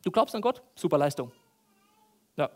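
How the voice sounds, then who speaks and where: A preacher, giving a lively sermon with loud outbursts, soft asides and provocative questions to the congregation. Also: male voice, fairly high pitch, normal speed.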